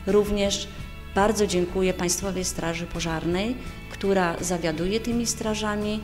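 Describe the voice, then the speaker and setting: A woman's voice: medium pitch, fairly even intonation, a little slow, over music. A woman in her fifties giving a prepared interview statement into a handheld microphone. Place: indoors before a backdrop.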